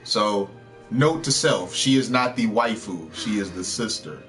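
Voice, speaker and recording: A streamer gives casual let's play commentary, chatting and cracking jokes as he reacts to the game on screen. His voice is lowish and a bit bright, his pace measured, with faint music in the background.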